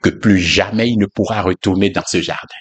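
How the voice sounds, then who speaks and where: A man's voice: sits low, steady tone, fairly quick, slightly rough. A man giving an informal, conversational sermon, musing aloud with frequent fillers and asides. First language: not English. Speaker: preacher.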